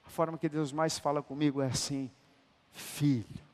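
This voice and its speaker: A man preaching a sermon, emphatic and colloquial, moving between loud declarations and hushed, tender lines and calling listeners brother. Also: on the high side, little pitch movement, brisk. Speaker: apostle preaching. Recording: long hall reverb.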